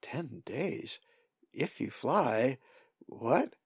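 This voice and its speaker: A man's voice: mid-range voice, very animated, very slow, breathy edge, no room sound, pitched above the performer's own voice, exaggerated voice. A man voicing a curious, earnest young male raven full of questions. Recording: dull dry lo-fi recording.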